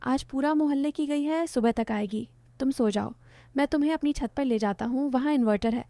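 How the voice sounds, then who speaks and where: A teasing, protective young man in a romantic audio story, voiced by a woman narrator. The voice sits a little high and mellow, and it is recorded close and dry. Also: brisk, no echo. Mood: tender.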